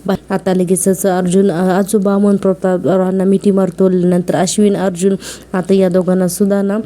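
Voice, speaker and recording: A woman's voice: medium pitch, level tone, normal speed, warm tone. A woman casually retelling a TV serial episode, quoting the characters in her own voice as she goes. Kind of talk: casual narrated recap.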